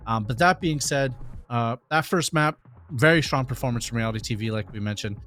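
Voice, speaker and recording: A male esports analyst with a medium-pitched voice breaks down tactics conversationally. Faint music sits behind him. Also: a little fast, fairly bright tone.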